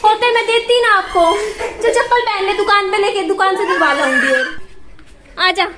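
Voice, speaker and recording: A young mother gently coaxes and soothes her crying child, repeating short phrases, in a casual home vlog. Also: extremely high pitch, moderate pace, heavy background noise. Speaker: mother and vlogger.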